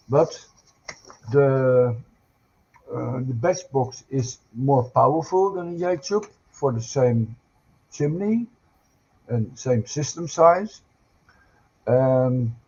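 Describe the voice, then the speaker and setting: A man's voice: medium pitch, warm tone, husky, lo-fi sound. An older man, a guest on a casual panel, speaking hesitantly with frequent fillers and careful phrasing.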